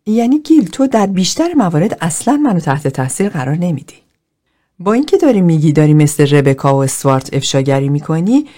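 A woman's voice: on the low side, warm tone. A woman reading as a blunt, outspoken group member. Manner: blunt, direct, confrontational.

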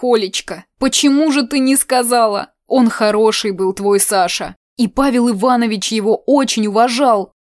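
A woman putting on a fussy, grief-stricken older woman in an audiobook, pitched noticeably higher and louder than plain narration. She sighs and exclaims, doting and lamenting by turns, and the recording is dry and close. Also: no echo, natural voice. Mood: grieving. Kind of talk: audiobook character reading.

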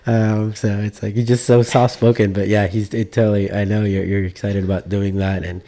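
A man's voice: fairly low pitch, level tone, brisk, warm tone. A man hosting a casual music interview, rambling with many restarts and fillers. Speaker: host.

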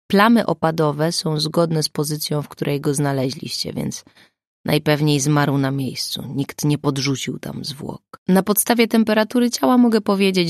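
A woman doing a gruff sarcastic old pathologist. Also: deep voice, darkish tone, no room sound, clean studio sound. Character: grumpy older male forensic pathologist, sarcastic. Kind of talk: audiobook character voice.

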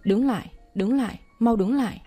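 A woman's voice: fairly high pitch, moderate pace, warm tone, husky, faint music behind. A woman voicing a clumsy, eager young woman who runs a company. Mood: flustered. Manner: flustered, pleading.

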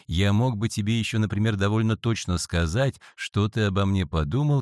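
A man voicing a calm, knowing schoolboy who speaks with gentle, assured persuasion, on a dry close audiobook recording. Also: fairly low pitch, no room sound, natural voice.

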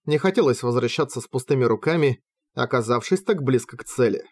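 A man narrating a fantasy audiobook in a steady, measured reading, recorded at home on a close microphone. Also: medium pitch, husky, no echo.

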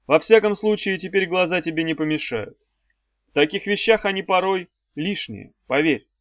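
A sardonic demon swordsman mentor, read by a man, barks orders, needles his pupil and drops cool threats. His voice rides a little above a man's usual pitch and lands firmly and loudly. The audio is dry and a touch muffled. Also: lively intonation, moderate pace, no room sound. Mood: mocking. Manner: mocking, commanding, dry threats. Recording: dry, slightly dull audio.

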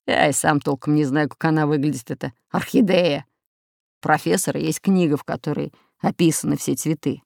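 A woman voicing a gruff, bossy, red-bearded male pirate captain. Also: sits low, fairly even intonation, brisk, a little mellow, dry recording, clean studio sound. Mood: scheming.

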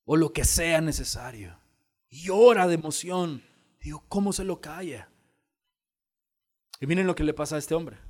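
A man preaching a sermon as pastor, telling stories and acting out the dialogue with lively energy. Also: fairly high pitch. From El Salvador. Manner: animated storytelling, acting out dialogue. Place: church hall.

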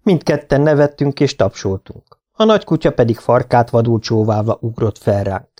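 A man narrating an audiobook in a steady storytelling manner. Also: mid-range voice. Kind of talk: scripted narration.

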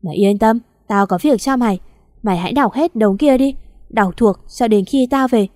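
A woman voicing a bossy, gruff young rich master who gives curt, scolding orders. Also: fairly high pitch, normal speed, darkish tone, no echo, studio quality, close to an everyday voice.

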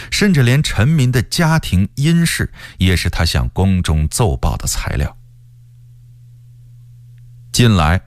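A man narrating a historical story for radio in a deliberate, expressive storyteller's delivery. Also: fairly low pitch, no echo, studio quality.

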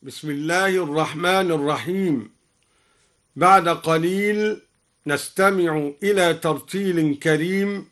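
A male Quran recitation scholar slowly explaining reading variants in a radio program, chanting the verses he quotes. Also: on the high side, a bit bright. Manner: measured, deliberate delivery, chants the verses he quotes. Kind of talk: slow explanatory teaching with chanted Quran quotations. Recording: radio broadcast.

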